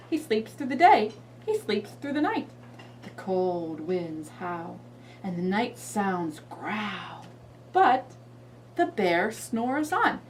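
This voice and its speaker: A woman reading picture books aloud as if to a toddler, in an expressive, sing-song storybook way with drawn-out, emphasized words. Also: medium pitch, far from the mic, a little hiss or hum, low-quality recording. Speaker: children's librarian demonstrating read-aloud books.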